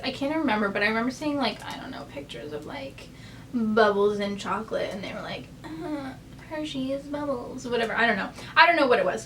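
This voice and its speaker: This young American woman chats from her bed in a loose, filler-heavy ramble. Her high-pitched voice has a fairly bright tone, and she is far from the mic, with slight noise in the background.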